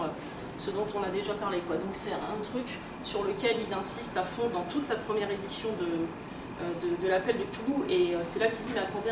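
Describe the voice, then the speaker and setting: A woman who publishes and researches games gives an informal public lecture in an indoor convention talk room, speaking conversationally and hesitantly. Her voice is medium-pitched and far from the mic. The audio is echoey, recorded from a distance, with strong background noise.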